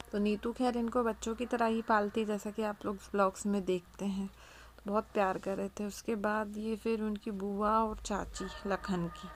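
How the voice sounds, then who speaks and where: A woman's voice: mid-range voice, gravelly, slight background noise. A woman narrating a casual recap of a family's vlog, chatty and full of fillers. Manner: chatty, filler-heavy storytelling with "to" and "matlab".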